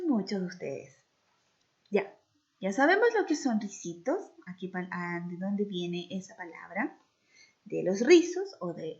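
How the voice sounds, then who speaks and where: A woman teacher reads a children's story in a high, lively, sing-song voice, then questions her pupils. She speaks slowly and clearly, and the recording is a little muffled and lo-fi. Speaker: primary school teacher. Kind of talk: reading a story aloud and teaching a recorded lesson. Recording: slightly dull lo-fi recording.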